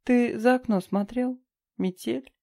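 A woman reading a sharp-tongued young heroine. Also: fairly high pitch, measured pace, gravelly, voice pushed up. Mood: curt.

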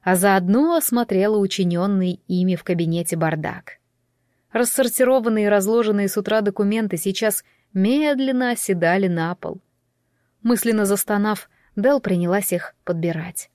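A woman's voice: medium pitch, moderate pace, a little mellow, dry recording. Dry-voiced woman narrating a story. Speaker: audiobook narrator. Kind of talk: scripted narration.

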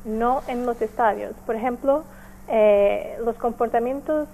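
Hesitant Portuguese woman, mellow voice. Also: a little high, unhurried, creaky, a little hiss or hum, low-quality recording. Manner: hesitant, many fillers and restarts. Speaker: NGO representative. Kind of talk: remote interview answers.

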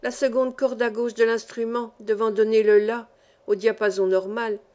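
A woman reader voicing a chatty grown man, a small-town barber who teaches music, talking in a lively, boastful way. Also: on the high side, close to an everyday voice. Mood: explaining. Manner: lively, boastful, quick to praise.

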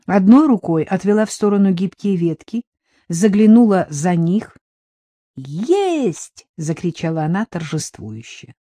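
Lady reading an audiobook, lowish dark voice, dry. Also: no room sound. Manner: steady storytelling, voices the characters. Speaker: audiobook reader. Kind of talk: scripted narration.

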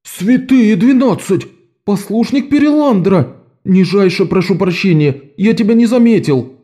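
A man's voice: sits high, animated, normal speed, warm tone, pitched above the performer's own voice. A man voicing a ragged young thief who fusses and apologizes in an audiobook. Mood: apologetic. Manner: fussy, gushing apologies.

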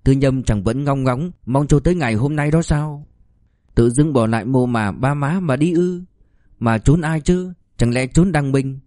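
Mellow male audiobook narrator. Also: mid-range voice, unhurried, no room sound, clean studio sound.

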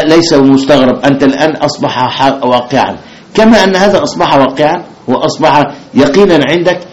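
A man's voice: mid-range voice, darkish tone. Male teacher, patient question-and-answer lesson, dull roomy recording. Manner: repeats questions to the class, many fillers and restarts. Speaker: sheikh teaching new Muslims. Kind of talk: religious lesson. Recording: dull roomy classroom recording with faint noise.

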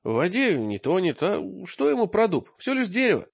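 A man voicing a cheerful, naive and stubborn young male singer in a high, eager voice, recorded with a dull lo-fi sound. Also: huge pitch swings, fairly quick, creaky, no echo, exaggerated voice.

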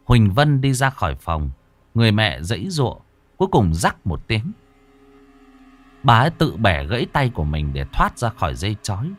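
A man narrating a horror story in a slow, expressive, dramatic manner. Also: lowish voice, dry recording, faint music behind.

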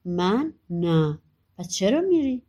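A woman's voice: mid-range voice, big pitch swings, dark tone. A woman voicing a simple, earnest young peasant lad in a storybook audiobook.

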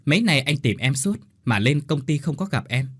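Narrator doing a grabby spineless husband, sucking up, a little husky. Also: male voice, a little high, animated, normal speed, no echo, clean studio sound. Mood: fawning. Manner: fawning, stammering. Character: selfish, spineless husband, grasping adult man.

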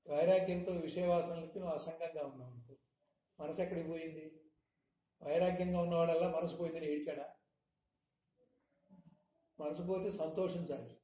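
A man giving a spiritual discourse, teaching with frequent rhetorical questions in a measured, emphatic manner. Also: a little high, fairly even intonation, dark tone. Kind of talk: satsang discourse. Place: hall in Hyderabad. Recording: echoey room, faint noise.

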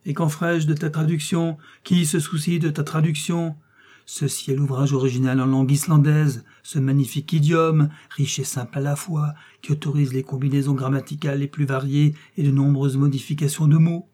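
A hot-tempered old professor lectures and scolds in a booming, scornful voice, as a man puts him on in an audiobook reading. The tone is dark and husky, mid-pitched. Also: level tone, moderate pace, natural voice. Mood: lecturing. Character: irascible, excitable old male professor.

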